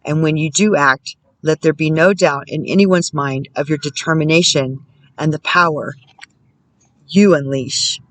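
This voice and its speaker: A woman's voice: deep voice, no room sound, poor audio. Woman spiritual counselor, card reading with chatty asides, close and dry. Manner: measured reading broken by musing, self-amused comments.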